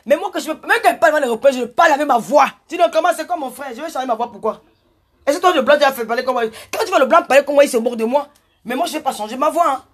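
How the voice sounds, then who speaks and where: Loud, scolding woman with a high voice, addressing her detractors live. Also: racing. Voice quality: loud, forceful way of talking. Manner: combative, scolding, repetitive. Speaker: social media personality. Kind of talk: ranting live video address.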